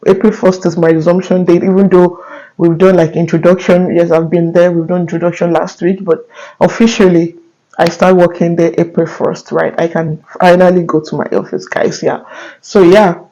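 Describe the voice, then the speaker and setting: A man's voice: sits high, level tone, moderate pace, dark tone, highs cut off. A young Nigerian man with a Nigerian accent, talking earnestly to his viewers in a casual vlog, often checking in with "right?" and restarting his sentences. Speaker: vlogger. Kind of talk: casual talk to camera.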